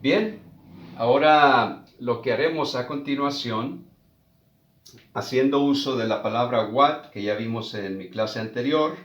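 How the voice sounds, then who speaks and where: A man teaching a beginners' language lesson, slowly repeating example sentences and explaining rules. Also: medium pitch, echoey room, lo-fi sound. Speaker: English teacher. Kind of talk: slow classroom explanation.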